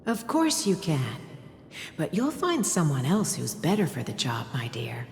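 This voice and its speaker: An actress playing a gentle, loving mother in a game, speaking softly and serenely. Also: sits low, huge pitch swings, unhurried, creaky, a little hiss or hum, exaggerated voice. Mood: tender, serene. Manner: soft, serene, tender, maidenly delivery. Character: gentle loving mother telling her young daughter a tale. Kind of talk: scripted game dialogue. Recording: long echoing reverb, music behind.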